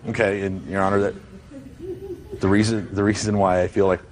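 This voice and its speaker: A man's voice: low voice, level tone, fairly quick. A man testifying as a defendant in a TV court, rambling, repeating himself and defending himself. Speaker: defendant in a TV small-claims court. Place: TV courtroom studio.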